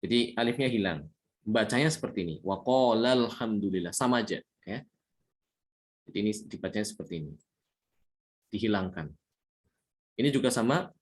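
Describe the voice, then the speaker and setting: A man teaching a tajwid lesson, explaining patiently, repeating points and slowly chanting Arabic examples. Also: lowish voice, lively intonation. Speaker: Quran recitation teacher.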